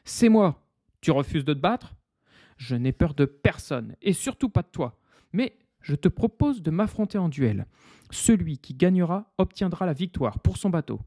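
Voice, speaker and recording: A man voicing a boastful, gruff one-eyed pirate captain who barks orders in a storybook reading. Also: on the high side, big pitch swings, normal speed, no room sound, studio quality. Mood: commanding. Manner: loud barked commands.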